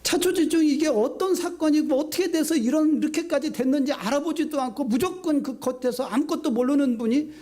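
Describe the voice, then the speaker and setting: A middle-aged man preaching a sermon in a notably high but mellow, warm-toned voice. He tells his stories with animation, swinging from high excited bursts to low hushed lines. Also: fairly quick, hardly any pauses. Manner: lively storytelling, acting out quotes. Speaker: senior pastor.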